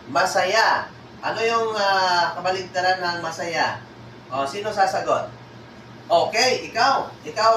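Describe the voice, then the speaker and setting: A man's voice: high-pitched, sharp tone, a little hiss or hum. A man teaching a class, patiently sounding out words syllable by syllable and mixing in English. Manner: mixes Tagalog with English and Ilonggo. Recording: echoey room from a distance.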